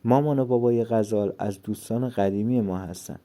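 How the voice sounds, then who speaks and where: A man voicing a kind, sociable middle-aged mother in a storybook, talking in a lively, friendly way. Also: fairly low pitch, close to an everyday voice. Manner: warm and lively.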